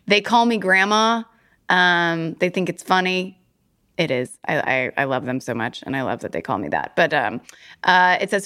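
A woman co-hosting a podcast in casual chat, chatty and quick to laugh, often restarting her sentences. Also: medium pitch, bright, forceful tone, smooth. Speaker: podcast co-host.

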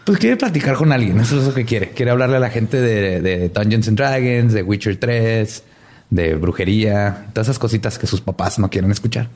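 Playful podcast co-host. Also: male voice, on the low side, darkish tone. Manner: playful, mock-serious, quick to joke. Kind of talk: casual podcast chat.

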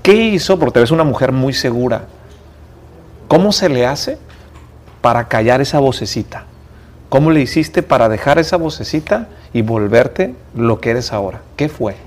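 A male podcast host interviews his guest. He asks earnest, probing questions. His voice is of middle pitch. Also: lively intonation, normal speed.

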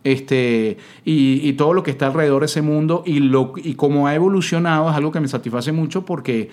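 A man from Caracas with a Venezuelan accent, a voice actor chatting as a podcast guest, relaxed and full of fillers. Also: on the high side, fairly quick. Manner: relaxed storytelling with frequent fillers. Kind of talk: casual podcast chat.

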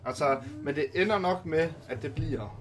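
Relaxed, hesitant man, slightly high voice. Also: music in the background. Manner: relaxed, hesitant, many fillers. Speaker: podcast co-host, amateur footballer. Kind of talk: casual podcast chat.

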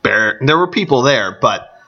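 A man with a gravelly, allergy-congested voice talking casually on his own as a sports podcast host. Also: mid-range voice, animated, measured pace, sharp tone. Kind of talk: casual solo podcast talk. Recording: dull, band-limited podcast audio.

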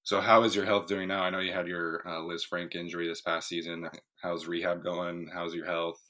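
Guy interviewing a football player, low but bright voice, upbeat. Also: level tone, normal speed. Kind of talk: sports podcast interview.

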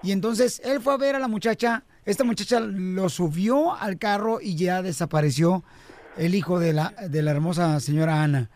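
A man hosting a radio show, telling jokes in a playful, teasing way and then talking gently with a caller. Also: sits high, moderate pace. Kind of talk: joke telling and caller interview.

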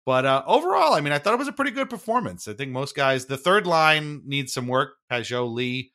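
A male sports podcast host recaps hockey games in casual chat, his bright, forward voice at an ordinary pitch, sing-song and a little fast. He's conversational and slightly wry, often qualifying what he says.

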